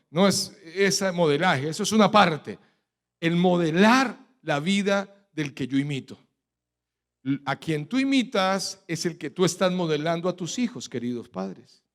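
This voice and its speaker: High-voiced Colombian pastor preaching. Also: male voice. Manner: rhetorical questions, has the congregation finish his sentences; emphatic preaching cadence with sudden loud stresses. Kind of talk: sermon. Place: church.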